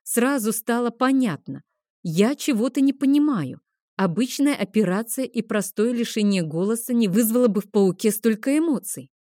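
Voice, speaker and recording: A woman narrating a first-person fantasy novel in an expressive storytelling manner. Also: fairly high pitch, moderate pace, hardly any pauses, no echo, studio quality. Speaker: audiobook narrator.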